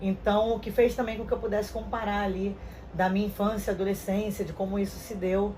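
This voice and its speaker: A woman answers interview questions in an earnest, measured way, pausing and restarting as she thinks. Her voice sits at a middle pitch, with a faint hiss of noise behind it. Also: little pitch movement, warm tone, low-quality recording. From Rio de Janeiro, Brazil. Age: 30s. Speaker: interview guest.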